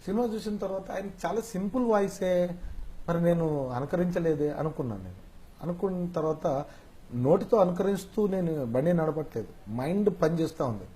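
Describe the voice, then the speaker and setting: A male mimicry artist explaining his craft in a casual interview, with an animated, explanatory manner. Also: a little high, moderate pace.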